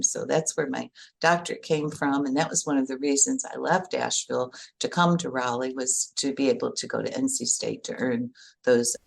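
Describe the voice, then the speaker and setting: A woman's voice: rumbling low, creaky. An older woman from upstate New York, a podcast guest telling her career story in a chatty way, with frequent restarts. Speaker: guest, workforce association director. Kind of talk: interview answer, storytelling.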